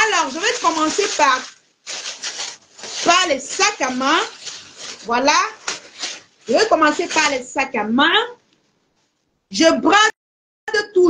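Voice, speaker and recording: A young Cameroonian woman with a Cameroonian French accent, selling goods on a live stream and chatting warmly to her viewers. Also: high voice, a little hiss or hum. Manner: lively, addresses viewers as aunties. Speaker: live seller. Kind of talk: casual live-stream sales chat.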